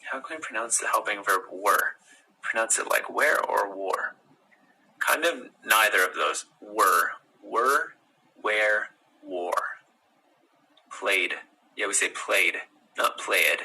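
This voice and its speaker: A man with an American accent giving a relaxed pronunciation lesson, repeating words slowly and drawing out each sound. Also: on the low side, vocal fry, breathy edge, poor audio. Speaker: pronunciation teacher.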